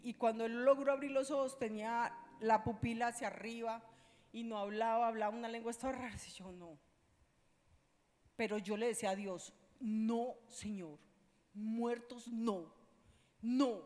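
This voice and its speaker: Woman pastor, fairly high voice, fervent preaching, long church-hall reverb. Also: steady tone, brisk. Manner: impassioned storytelling, swinging between loud and hushed. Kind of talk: sermon.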